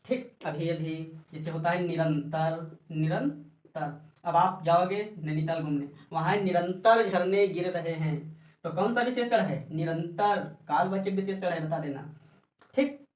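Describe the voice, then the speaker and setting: A man's voice: on the high side, a little slow, a little mellow, recorded from a distance. A male teacher works through a grammar lesson, putting questions to the class and answering them himself. He calls his students child and brother. His voice rings in an echoey room and sounds set back from the mic.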